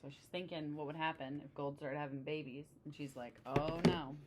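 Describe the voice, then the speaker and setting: A woman's voice: deep voice, level tone, a little fast, very noisy. A woman reading a picture book aloud expressively, adding casual asides about the pictures.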